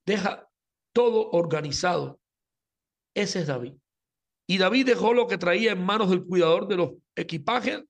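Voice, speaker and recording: Male Bible teacher, high voice, storytelling sermon delivery, talks to listeners directly. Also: moderate pace, gravelly. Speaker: Torah teacher. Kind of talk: sermon-style Bible lesson.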